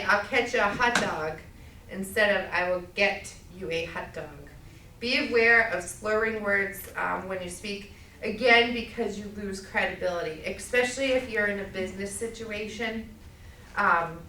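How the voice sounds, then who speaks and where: A middle-aged woman with a Massachusetts accent teaching a speech class, loud and projecting, checking in with "okay?" as she goes. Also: medium pitch, distant mic, a little hiss or hum. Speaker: college speech instructor. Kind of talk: classroom lecture. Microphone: camera at a distance. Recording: echoey classroom recorded from afar.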